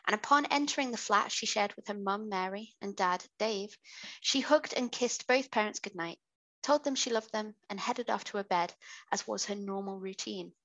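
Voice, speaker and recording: A woman's voice: medium pitch, normal speed, fairly bright tone, poor audio. A British woman hosting a podcast, reading out a true crime case with chatty asides. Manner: chatty asides while narrating. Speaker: podcast host.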